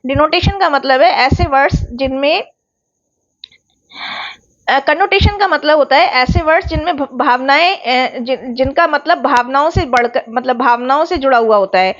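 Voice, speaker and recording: Woman teacher, high voice, patient repetitive explaining, slightly dull lo-fi recording. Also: unhurried, a bit bright. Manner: explains patiently, repeats key words, mixes English terms. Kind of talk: exam revision lecture.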